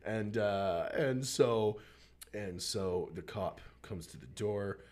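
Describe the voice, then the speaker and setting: A man's voice: fairly low pitch, slow. A man, a stand-up comedian, telling a story in casual chat, acting out the voices of the people in it. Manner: animated storyteller, acts out voices, frequent restarts.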